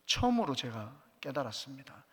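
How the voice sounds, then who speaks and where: A man's voice: mid-range voice, sing-song, fairly quick, fairly bright tone, slightly rough. A man, a pastor, preaching a sermon as earnest personal testimony with light jokes, in a church sanctuary. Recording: echoey church hall.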